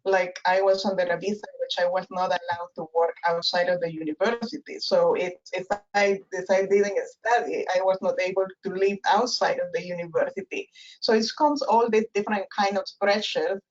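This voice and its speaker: A Spanish-speaking guest professor with a Spanish accent joins a webinar interview over a video call, speaking at medium pitch and normal speed. She's reflective and hesitant, with many fillers and restarts, and the lo-fi audio sounds dull.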